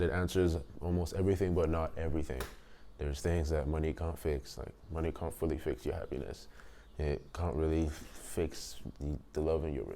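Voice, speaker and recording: A man in his twenties from Nigeria, speaking thoughtfully in a documentary interview and pausing often to rephrase. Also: extremely low pitch, mellow, a little hiss or hum. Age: 20s.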